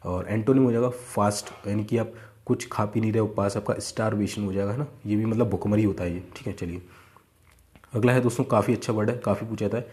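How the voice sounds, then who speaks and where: A young man teaches exam vocabulary in an easy, chatty way. His voice sits low and mellow, and he keeps asking his students whether they follow. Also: fairly even intonation, quick pace. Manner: conversational, repeats 'है ना' and 'ठीक है'. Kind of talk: casual Hindi lesson.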